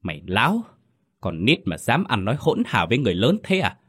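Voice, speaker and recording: A man's voice: on the low side, huge pitch swings, a little fast, a bit bright, breathy edge, heavily acted. A man voicing a callous, harsh village mother in a ghost story reading, snapping and scolding. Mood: furious.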